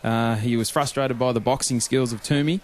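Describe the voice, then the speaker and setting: Mid-pitched Australian male boxing co-commentator. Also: steady tone, moderate pace, slight background noise. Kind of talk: informal sports commentary.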